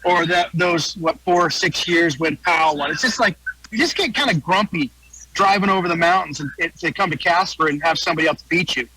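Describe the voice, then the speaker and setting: A man's voice: on the high side, a little fast, sharp tone, a little hiss or hum, rough recording. An American man giving a folksy, casual sports preview as a guest wrestling analyst, repeating phrases for emphasis.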